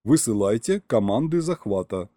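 Calm ship captain, male, firm orders, mellow voice, read by a man. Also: lowish voice, moderate pace, no room sound, studio quality, lightly acted. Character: calm starship captain, middle-aged man, commanding.

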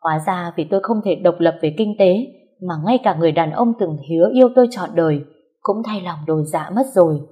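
A woman's voice: lowish voice, fast, warm tone, slightly rough. Woman narrating a sad family story. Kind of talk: first-person story narration.

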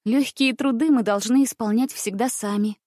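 An honest, gentle young circus girl who speaks simply and earnestly, in a raised childlike pitch , as a woman reads her in a storybook. The sound is dry and near. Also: normal speed, no room sound, close to an everyday voice.

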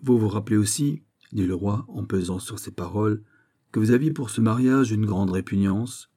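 A man voicing a proud young male king who is quick to anger, speaking in a clipped, imperious way that rises in anger. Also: fairly low pitch, mellow. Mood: probing.

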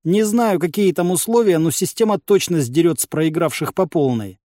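Wary companion, high tone , read by a man; dry sound. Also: moderate pace, warm tone, no room sound, lightly acted. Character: wary male companion, sighing agreement.

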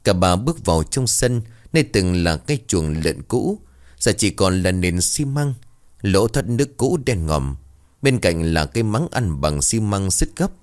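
A man narrating a ghost story in a slow, atmospheric storytelling manner. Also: deep voice, big pitch swings, darkish tone.

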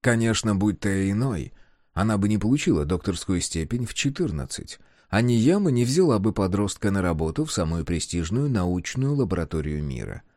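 A man narrating a novel in a measured, expressive reading. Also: fairly low pitch, dry recording, studio quality. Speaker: audiobook reader. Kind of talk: scripted narration.

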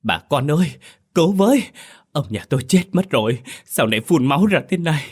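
Guy doing a panicky old village wife, high and shrieky, yelling for help in a horror audio story. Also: lively intonation, a little fast, breathy edge. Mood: panicked. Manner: frantic crying calls.

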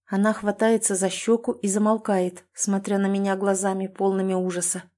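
A woman narrating a first-person audiobook in a steady, even reading voice. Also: mid-range voice, moderate pace.

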